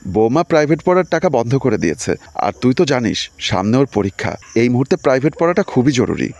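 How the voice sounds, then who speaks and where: A man's voice: mid-range voice, very animated, fast talker, creaky. A man voicing a worried older mother. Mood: pleading. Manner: pleading, gentle.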